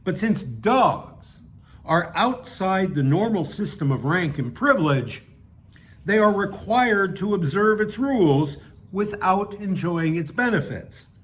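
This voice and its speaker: A man's voice: sits high, expressive, takes it slowly, a little hiss or hum. A man reading his own humorous essay aloud, with a dry, wry delivery and offhand asides.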